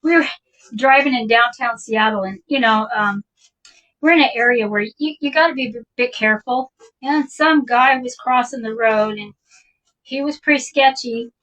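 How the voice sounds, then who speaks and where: A woman's voice: a little high, normal speed, a bit bright, recorded from a distance, dull audio. A woman casually telling a personal story in a chatty, rambling way, laughing often as she talks. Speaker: vintage shop owner telling a personal story.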